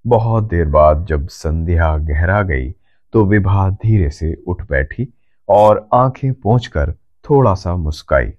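A man reading a story aloud as narrator, in a measured, expressive manner. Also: deep voice, highs cut off.

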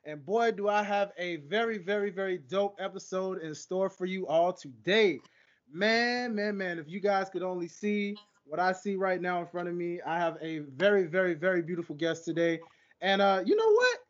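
A man's voice: high voice, lively intonation, moderate pace, dull audio. A man hosting a podcast in casual, slangy interview chat, chummy and repeating words for emphasis. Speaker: podcast host.

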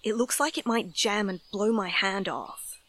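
A woman reads as a worried young boy in a storybook. The voice is bright, with hesitant, grumbling doubt in the delivery. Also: mid-range voice, unhurried. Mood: reluctant, doubtful. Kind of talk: acted dialogue in a horror storybook reading.

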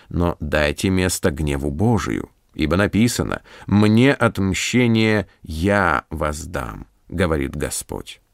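Male preacher, low voice, solemn scripted sermon with lively intonation. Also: creaky, no echo, studio quality. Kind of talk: scripted radio sermon reading.

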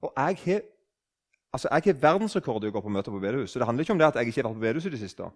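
Animated older man telling a story. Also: mid-range voice. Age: 60s. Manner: animated, restarts sentences, acts out quoted speech. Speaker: speaker on faith. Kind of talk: conversational storytelling.

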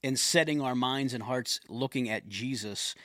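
A man's voice: mid-range voice, normal speed, fairly bright tone, no room sound, clean studio sound. A middle-aged man co-hosting a faith podcast, speaking earnestly and quoting scripture. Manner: earnest, quotes scripture, affirms often. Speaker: podcast co-host. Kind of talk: casual faith podcast talk.

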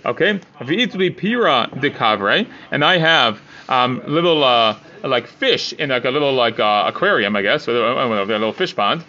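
A man's voice: medium pitch, animated, normal speed, bright, forceful tone. A man teaching a Talmud class in a casual way, translating line by line with many fillers. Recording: dull lo-fi recording.

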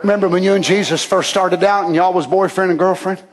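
A man preaching an impassioned sermon, shouting at the peaks and dropping to a hush. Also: high voice, steady tone, quick pace. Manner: shouting, impassioned, swings from loud to soft.

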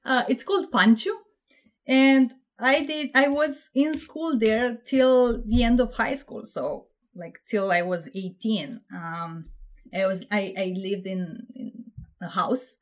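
Her voice a little high and her pace slow, a Romanian project management officer chats as a podcast guest. She's warm and giggly, frequently laughing and starting her sentences over, filling gaps with fillers.

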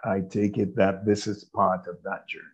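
A Jamaican man in his sixties, a bishop speaking as an interview guest, in a measured, halting way with many pauses. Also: low-pitched, flat delivery, slightly rough, muffled recording. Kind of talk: casual interview talk.

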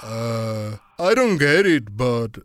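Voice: medium pitch, very animated, slow pace, no room sound, clean studio sound. A performer voicing a weary, complaining male rat of royal blood who sighs a lot and tires easily. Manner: sighing, whiny, easily bored.

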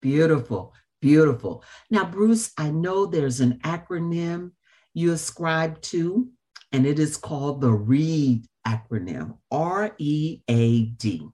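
A woman hosting an interview in a formal, measured and emphatic manner, with deliberate phrasing. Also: sits low, expressive, mellow. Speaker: show host and interviewer. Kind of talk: formal scripted introduction and interview.

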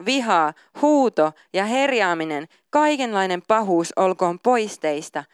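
A woman's voice: on the low side, fairly bright tone, smooth, no echo, studio quality. A woman pastor giving a sermon, reading scripture aloud and then talking casually and informally.

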